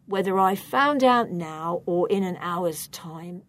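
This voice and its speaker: A woman voicing a worried, loyal young male friend in a storybook reading, speaking low and subdued. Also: expressive, takes it slowly. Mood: reassuring.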